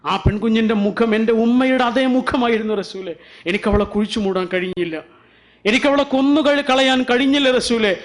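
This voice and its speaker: Guy speaking as a heartbroken old-time chief confessing, pleading, keeps repeating his plea, high voice. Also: brisk. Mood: grieving confession.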